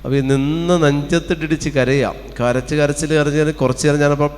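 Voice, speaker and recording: Long hall reverb fills a retreat centre as a Kerala-accented man preaches fervently in a slightly high, darkish voice. He speaks fairly quickly with fairly even intonation, shouting hallelujahs and throwing out rhetorical questions.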